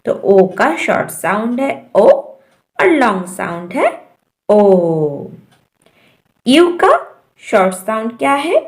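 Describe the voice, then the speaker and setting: A woman with an Indian accent teaching a phonics lesson to parents, slowly sounding out each letter. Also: on the high side, sing-song. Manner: slow, drawn-out sounding of letters.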